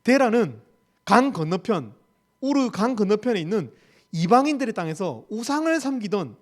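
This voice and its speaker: A man's voice: sits high, sing-song, moderate pace. A man with a Gyeongsang accent preaching a sermon as campus ministry staff. He speaks emphatically, asks rhetorical questions and repeats key phrases. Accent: Gyeongsang Korean.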